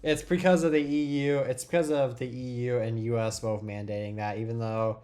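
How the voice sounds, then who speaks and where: Hosting a laid-back tech podcast while down with a cold, a teenage boy talks briskly and often starts sentences over. He has a mid-range, darkish voice and keeps his intonation fairly even.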